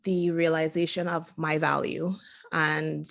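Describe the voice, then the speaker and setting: A woman from Trinidad and Tobago talks as a guest in a relaxed interview. Her voice sits low and has a gravelly fry to it. She chats easily, laughs often and fills pauses with "you know" and "um". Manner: chatty, laughs often, many fillers. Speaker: guest physician. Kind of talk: casual interview conversation.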